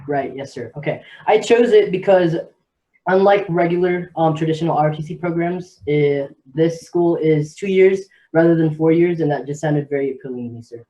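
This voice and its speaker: A man's voice: a little high, moderate pace, warm tone, low-quality recording. A young man cadet from Texas, answering formally with repeated "yes, sir" and a slightly nervous manner. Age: young adult.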